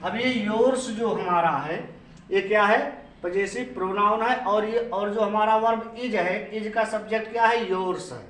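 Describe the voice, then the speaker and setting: Male teacher, Hindi accent, high voice, unhurried, echoey classroom, mic off at a distance. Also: fairly even intonation, fairly bright tone, a little hiss or hum. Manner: slow, repetitive, asks the class questions. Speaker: English grammar teacher. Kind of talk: classroom lecture.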